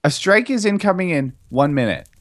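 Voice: mid-range voice, lively intonation, fairly quick. A player chatting casually during a co-op video game, giggling and teasing a friend. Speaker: let's play gamer. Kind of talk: casual co-op gameplay chat.

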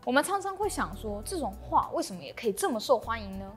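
A woman's voice: fairly high pitch, sing-song, fast. A young woman with a Taiwanese accent presenting a scripted explainer to camera on a lapel mic in a small indoor room. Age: young adult. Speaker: host of an explainer channel. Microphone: clip-on lapel mic. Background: background music.

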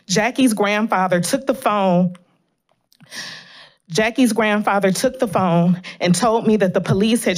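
At a city council meeting, a woman in her thirties reads a prepared statement as a public commenter, earnest, pleading and emotionally charged. She speaks in a mid-range voice into a podium gooseneck microphone in a large chamber.

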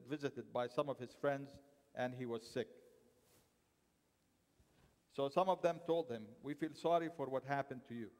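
A middle-aged man reads a translated sermon aloud from a sheet of paper, now and then restarting a word to correct himself. His voice is smooth and resonant. A long hall reverb from the mosque prayer room trails after each phrase. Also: medium pitch, darkish tone. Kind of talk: reading a translated Friday sermon.

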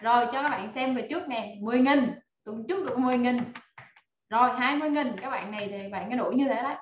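A woman leads a live online class, energetic and full of fillers as she rallies her students. Her voice sits fairly high, and the call audio is roomy and dull. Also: quick pace, slight background noise. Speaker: online course instructor.

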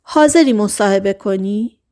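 A woman's voice: mid-range voice, warm tone, lightly acted. A woman voicing a weary middle-aged male journalist in a storybook reading, in a plain conversational way.

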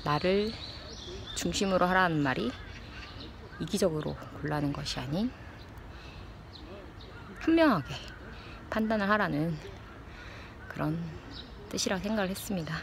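A woman in her thirties chatting casually and reflectively to a phone at arm's length outdoors, in halting phrases as she searches for words. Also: on the low side, expressive. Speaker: vlogger. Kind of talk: casual reflective chat to camera. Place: outdoors in an open park with trees. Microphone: phone held at arm's length. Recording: clear outdoor background noise. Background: outdoor park ambience.

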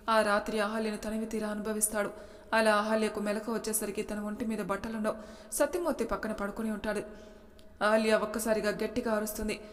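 A woman narrating an audiobook story in a steady, matter-of-fact reading. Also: mid-range voice. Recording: long reverb.

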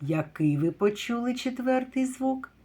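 A kindergarten teacher leads a phonics lesson for young children, sounding out words slowly and asking questions. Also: female voice, fairly high pitch, animated, dark tone. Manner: slow, drawn-out word sounding with praise and questions.

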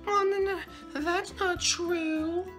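Squeaky bratty Diddy Kong, little monkey. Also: male voice, steady tone, drawn-out words, a bit bright, faint music behind, full character voice. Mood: anxious. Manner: whiny, defiant. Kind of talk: amateur plush-toy puppet skit.

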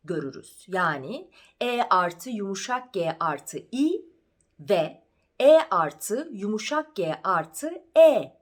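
A middle-aged woman teaching diction, demonstrating words slowly and carefully. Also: medium pitch, big pitch swings. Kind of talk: diction lesson.

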